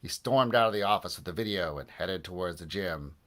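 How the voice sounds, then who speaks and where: A man reading a children's book aloud with expressive, lively storytelling. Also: deep voice, brisk. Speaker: audiobook narrator.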